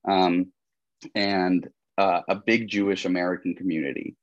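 A young Colombian podcast guest, his voice sitting low, talks at a moderate pace in a casual conversational interview. Relaxed and rambling, he keeps dropping fillers such as "like" and "you know." The recording is dry and lo-fi.

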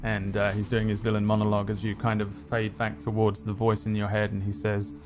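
A man narrating a tabletop game as game master, haltingly searching for words. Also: on the low side, completely flat delivery, music in the background.

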